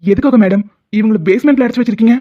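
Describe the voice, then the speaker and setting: A woman's voice: fairly high pitch, rapid-fire, lightly acted. Woman as firm, protective male doctor, cartoon drama, tinny phone-like sound. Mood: firm reassuring. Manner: reassuring, firm. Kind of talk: cartoon voice acting.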